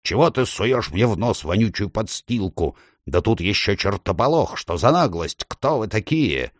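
Grumpy male dwarf, voiced by a male reader; snapping, low, stubborn. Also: moderate pace, no echo, clean studio sound. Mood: indignant. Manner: growling, snapping.

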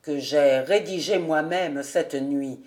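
A woman voicing a grave old male nobleman who speaks slowly and sadly for an audiobook. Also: low-pitched, darkish tone, voice pushed down. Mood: fervent. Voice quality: slow, sad, solemn delivery.

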